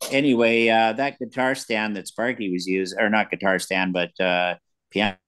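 A man chatting casually over a video call whose audio keeps breaking up. He talks haltingly and corrects himself as he goes. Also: fairly low pitch, flat delivery, a bit bright, smooth. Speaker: club member calling in. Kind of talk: casual chat.

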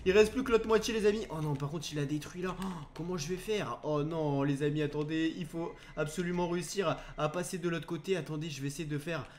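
A man's voice: fairly high pitch, quick pace, few pauses, a crowd in the background. A young man hosting a Minecraft video, commenting on the game to viewers in a theatrical, easily alarmed way. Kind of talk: dramatised gameplay commentary addressed to viewers.

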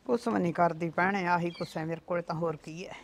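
A woman's voice: lowish voice, fairly even intonation, quick pace, a little hiss or hum. A woman acting a distressed mother in a short village drama, moaning and lamenting.

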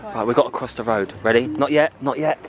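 A man's voice: mid-range voice, a little fast. A British man chatting casually and jokily into a handheld vlog camera. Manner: playful, jokey.

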